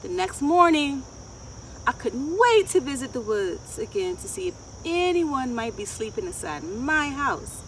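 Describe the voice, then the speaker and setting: A middle-aged woman with a fairly high voice reads a children's picture book with expressive, deliberate phrasing. She is recorded outdoors a little way from the mic, with faint insect noise and ambience around her. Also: far from the mic, low-quality recording. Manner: expressive, asks listeners questions, deliberate phrasing. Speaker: children's storyteller. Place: outdoors in a wooded garden.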